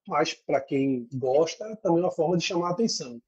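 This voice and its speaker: A man's voice: fairly high pitch, expressive, fairly quick, darkish tone, slightly rough, muffled recording. A man, a lawyer, giving practical advice in an interview and explaining step by step. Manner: didactic, explains in lists. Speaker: lawyer guest.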